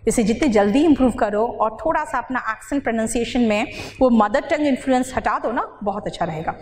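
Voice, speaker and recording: A woman's voice: a little high, expressive, brisk, a little mellow. A woman teaching English vocabulary in a classroom lecture. She asks her students questions and then answers them herself, and she mixes English phrases into her explanations. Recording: reverberant hall with faint noise.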